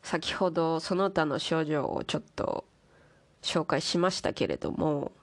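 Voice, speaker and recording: A woman host with a low-sitting, very animated voice talks at a measured pace in a casual monologue to listeners. For fun, she affects ornate, polite speech like a refined lady.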